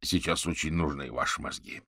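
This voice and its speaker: A man voicing an eager, brisk police officer who speaks quickly and with energy. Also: rumbling low, steady tone, gravelly, sharp tone, husky, dry recording, studio quality, heavily acted.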